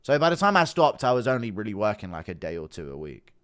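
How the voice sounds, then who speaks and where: Guy streaming, chatting to viewers, pitch jumps all over, swears a lot, keeps cracking up giggling. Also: very animated, quick pace, a bit bright, smooth. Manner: sweary, blunt banter; often breaks into giggling laughter. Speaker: livestream host. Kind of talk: casual livestream chat with viewers.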